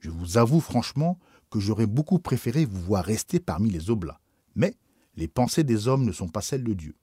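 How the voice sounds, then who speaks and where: A man voicing a grave, kindly elderly bishop in an audiobook, speaking slowly and with measured solemnity. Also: on the low side, big pitch swings, mellow, slightly rough, no room sound, clean studio sound.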